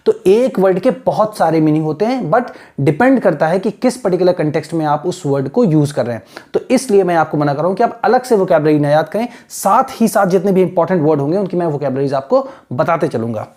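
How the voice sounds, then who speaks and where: A man giving a classroom lecture as an English teacher, explaining patiently in mixed Hindi and English and spelling words out slowly. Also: a little high, animated, a little mellow. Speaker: English teacher for exam aspirants.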